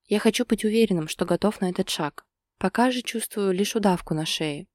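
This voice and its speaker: A woman doing a calm, soothing man. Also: medium pitch, brisk, no echo, studio quality, close to an everyday voice. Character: calm, teasing grown man, lover.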